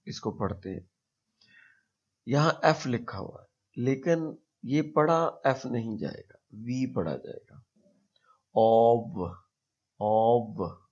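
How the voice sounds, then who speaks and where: A man with a Pakistani accent teaching a pronunciation lesson, speaking slowly and deliberately and repeating example words to demonstrate them. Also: medium pitch, breathy edge. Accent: Pakistani Urdu-speaking. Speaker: English teacher. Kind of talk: explanatory language lesson. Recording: dull lo-fi recording.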